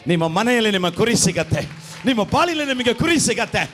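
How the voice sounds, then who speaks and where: A man's voice: sits high, a little fast. A man with a Kannada accent preaching a sermon as pastor, calling on the congregation to answer and repeat after him. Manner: animated preaching with call-and-response.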